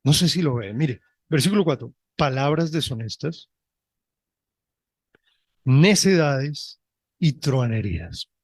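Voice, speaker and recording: A male pastor preaching a sermon, reading scripture deliberately and often checking in with his listeners. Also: mid-range voice, expressive, no echo. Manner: reads scripture slowly and deliberately.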